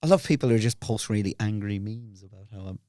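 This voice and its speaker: A man hosting a podcast in casual chat, relaxed, laughing a lot and chiming in with quick agreement. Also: lowish voice, dry recording, clean studio sound. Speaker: podcast host.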